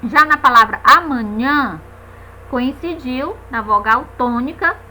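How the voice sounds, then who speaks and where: A woman's voice: sits high, slow, pushed and bright, rough recording. A woman teaching a grammar lesson, patiently checking in with her students and stretching out the stressed syllables of example words.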